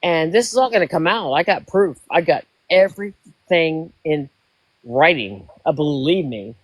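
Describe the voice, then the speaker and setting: A woman's voice: deep voice, lively intonation, a little slow, no echo. A woman in her sixties, a livestream guest, telling a story in casual chat, emotional and rambling, often repeating herself. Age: 60s.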